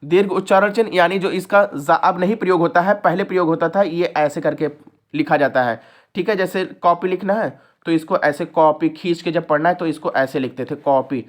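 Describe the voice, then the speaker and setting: Young guy teaching a class, pretty high voice, keeps checking if u got it. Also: normal speed. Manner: explains step by step, checking in with "ठीक है". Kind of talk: exam-prep lesson.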